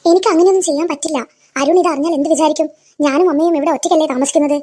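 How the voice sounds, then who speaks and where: A woman voicing a calm, sincere young daughter-in-law who speaks earnestly. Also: high voice, very fast, natural voice. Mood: pleading.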